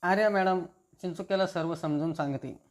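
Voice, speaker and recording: A narrator plainly retelling a TV serial episode in a steady, matter-of-fact way. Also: medium pitch, moderate pace.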